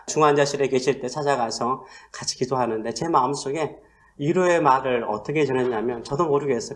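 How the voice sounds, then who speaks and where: A male pastor with a slightly high voice delivers a sermon full of rhetorical questions, swinging between loud emphasis and hushed asides.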